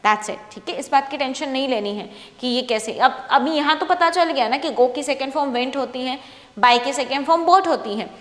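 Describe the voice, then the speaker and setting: A woman teacher patiently explaining English sentences in Hindi, repeating each example slowly. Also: high-pitched. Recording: echoey room with long reverb.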